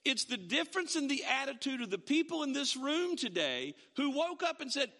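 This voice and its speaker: A man preaching a sermon to his congregation in a church, animated and often restarting his words. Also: very high voice, a little fast, long reverb tail, background noise. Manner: animated, with frequent stammered restarts. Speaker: pastor. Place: church sanctuary.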